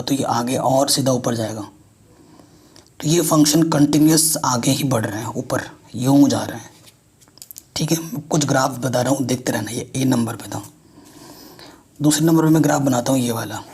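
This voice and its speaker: A man's voice: medium pitch, a little mellow, husky. A man teaching a math lesson, explaining step by step and checking in with students often.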